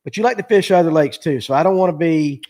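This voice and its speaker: A man's voice: fairly high pitch, fast talker, mellow. A man, hosting a casual live fishing chat in a rambling, joking way with lots of fillers. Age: 40s. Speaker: show host.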